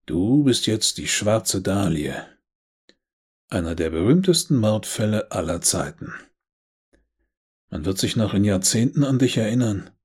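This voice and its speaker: A man voicing a world-weary, amused male devil in an audiobook, speaking in an unhurried, quiet, sly way with a low, husky voice. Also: lively intonation. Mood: calm, amused.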